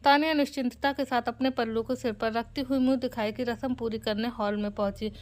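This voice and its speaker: Higher-voiced woman narrating a story. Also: steady tone, brisk. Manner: reads dialogue of every character in her own voice.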